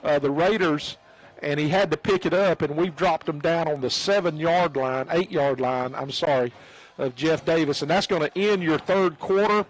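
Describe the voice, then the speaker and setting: A man with a Southern US accent calling high school football on the radio in a folksy, excitable way. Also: moderate pace, poor audio. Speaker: radio play-by-play announcer. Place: press box at a football stadium.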